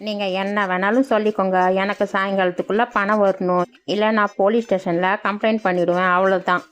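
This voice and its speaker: A woman's voice: medium pitch, little pitch movement, fairly quick, natural voice. A woman voicing a greedy, cheating village man in a cartoon, with a threatening, demanding manner. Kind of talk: cartoon voice acting. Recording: dull lo-fi sound.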